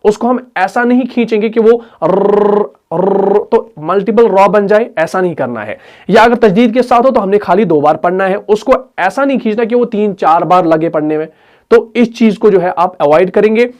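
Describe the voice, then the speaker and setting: A man's voice: high voice, darkish tone. Man teaching Quran recitation rules. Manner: explains slowly, asks and answers his own questions; recites Quranic verses in drawn-out chant. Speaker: tajweed teacher. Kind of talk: online Quran recitation lesson.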